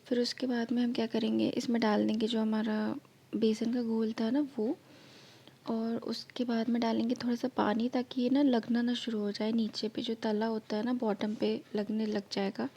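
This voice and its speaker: A woman's voice: fairly high pitch, flat delivery, normal speed, dark tone, breathy edge. A woman narrating her cooking vlog, explaining each step in a chatty way, her throat slightly sore. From India. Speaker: vlogger.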